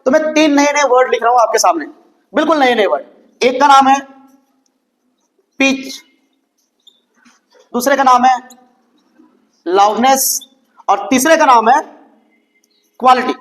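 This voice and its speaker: A man's voice: extremely high pitch, lively intonation, a little slow, pauses often, fairly bright tone, poor audio. A man teaching a school science lesson, asking questions and answering them himself, with English textbook phrases mixed into his explanations.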